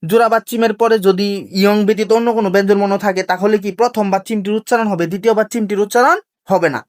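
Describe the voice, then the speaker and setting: A teacher gives a video lesson. They explain rules slowly and keep asking rhetorical questions before answering them. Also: mid-range voice, fairly even intonation. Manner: asks rhetorical questions and answers them, repeats key points; slow, careful drilling of pronunciation rules. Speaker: language teacher. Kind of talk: classroom-style video lesson.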